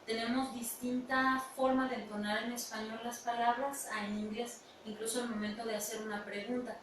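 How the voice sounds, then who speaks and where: A woman's voice: fairly high pitch, flat delivery, moderate pace. Hesitant woman teacher, echoey. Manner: hesitant, with fillers. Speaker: English teacher guest. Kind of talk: educational radio talk. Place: radio studio. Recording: echoey room, distant mic, noisy.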